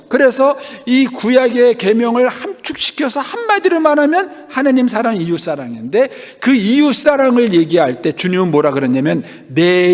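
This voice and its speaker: A middle-aged man preaching a sermon as a pastor, telling a personal story and asking the congregation questions. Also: high voice. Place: church sanctuary. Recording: long hall reverb.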